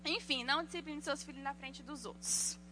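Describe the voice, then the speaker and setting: High bright-voiced woman preaching. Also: moderate pace, slight background noise. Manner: lively storytelling, acting out quoted voices. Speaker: church speaker. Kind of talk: sermon on parenting with personal stories.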